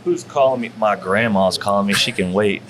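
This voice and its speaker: This Texas man, once a pro wrestler, is a guest at a barbecue joint telling loose, expletive-filled stories with lots of fillers. His fairly low voice moves fairly quickly over a background crowd, and the audio quality is poor.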